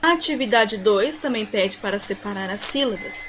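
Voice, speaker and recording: A Brazilian woman teacher giving a recorded lesson to young pupils, pronouncing example words slowly syllable by syllable. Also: medium pitch, lively intonation, dull audio. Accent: Brazilian Portuguese. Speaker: primary school teacher.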